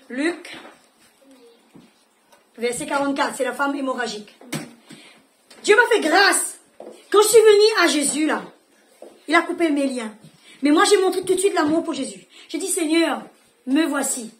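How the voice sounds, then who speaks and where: A woman pastor preaches with fervour at a church service. Her voice sits high, and she hammers her points home by repeating short phrases. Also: animated, moderate pace, long pauses, a little hiss or hum. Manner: emphatic, repeats phrases for effect. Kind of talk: fervent sermon.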